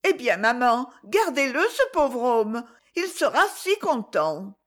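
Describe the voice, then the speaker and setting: A woman's voice: a little high, sing-song, slow, voice pushed up. A woman reader voicing an eager, pleading small boy in a storybook.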